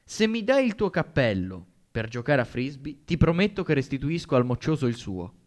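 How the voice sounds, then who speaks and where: A man voicing a sarcastic teenage boy bully in an audiobook, with a slow mocking drawl. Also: medium pitch, very animated, natural voice. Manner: mocking, drawn-out taunting delivery. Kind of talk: audiobook character voice.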